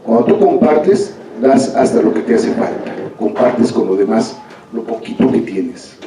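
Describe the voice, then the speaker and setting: A man's voice: medium pitch, wildly swooping pitch, unhurried, noisy background. A man, an author telling a story aloud to an audience in a conversational way, often tagging lines with a questioning "no?". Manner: conversational, with frequent "¿no?" tags. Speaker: author presenting his book. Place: large formal hall. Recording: echoey hall from far off.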